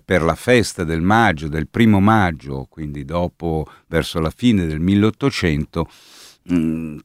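A man's voice: low-pitched, dry recording, clean studio sound. A man, explaining folk song traditions in an unscripted talk and searching for words as he goes. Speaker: folk music presenter.

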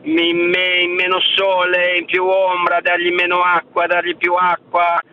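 A man's voice: high voice, monotone, measured pace, crowd noise. Chatty man calling in over the phone. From near Milan. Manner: chatty, rambling through long lists. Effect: over the phone, on Bluetooth. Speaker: caller. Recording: muffled phone line with faint noise.

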